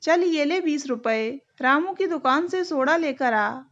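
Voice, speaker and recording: A woman voicing a harsh, short-tempered drunken father in a storybook tale, barking gruff orders. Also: high-pitched, lively intonation, measured pace, a bit bright, highs cut off. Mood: scolding. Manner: gruff scolding commands.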